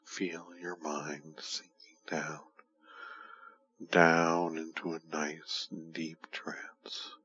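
A man guides a hypnotic relaxation in a slow, soothing, breathy murmur that often slips into a whisper, intimate as if right in the listener's ear. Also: very deep voice, flat delivery, pushed and bright, highs cut off. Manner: slow, soothing, repetitive, lulling. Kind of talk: hushed guided hypnosis, ASMR-like induction.

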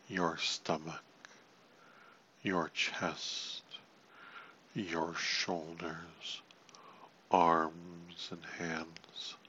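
A man with a low voice guides a hypnosis relaxation at an extremely slow pace. He is soothing and repetitive, with words that sink toward a hush. The recording is dull and lo-fi, with some steady noise. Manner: soothing, repetitive, hushed at phrase ends.

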